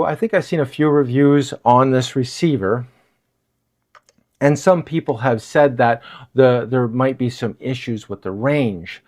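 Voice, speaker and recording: A man giving a casual, chatty gear review in his apartment, recorded on a wireless lavalier mic. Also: mid-range voice. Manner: chatty, explanatory, lively delivery. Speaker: product reviewer. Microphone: wireless lav mic.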